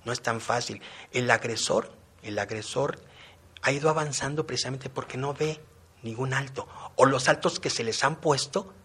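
A man's voice: medium pitch, normal speed, a bit bright, slightly rough. A middle-aged man, reflecting on his time in a men's non-violence program and explaining his points with everyday examples. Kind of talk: personal testimony.

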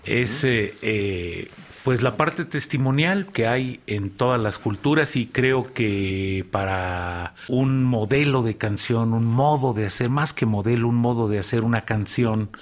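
A man with a mid-range voice hosts a radio conversation. He reflects thoughtfully, choosing his words slowly and with small hesitations. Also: mid-range voice.

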